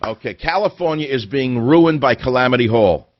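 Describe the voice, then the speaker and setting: A man's voice: medium pitch, lively intonation, normal speed, no echo, dull audio. An older man hosting a radio talk show, delivering an indignant monologue full of hammering rhetorical questions. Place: radio studio.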